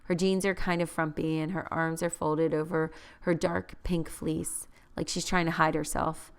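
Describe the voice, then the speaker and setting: Woman narrator, low and smooth, measured first-person audiobook read. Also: flat delivery.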